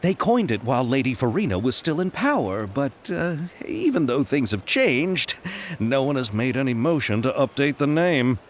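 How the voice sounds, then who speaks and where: In game audio with soft music and a slight hiss or hum, an actor voices a young male film producer character who is polite, eager, courteous and wordy, with nervous little laughs. The voice is natural, medium-pitched and sing-song, delivered at a moderate pace.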